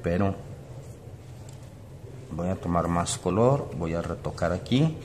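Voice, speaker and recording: A man's voice: low voice, animated, slow, a little mellow, a little hiss or hum. A man teaching an online acrylic painting class, explaining each step as he paints and often adding tag questions. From Mexico. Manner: explains step by step while painting, thinking aloud. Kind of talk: online art class demonstration.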